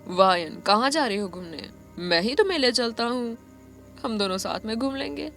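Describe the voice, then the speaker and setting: Woman playing a bossy dad, lowish voice, pushy, faint music behind. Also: animated, moderate pace, fairly bright tone. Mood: insistent. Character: controlling, overbearing father.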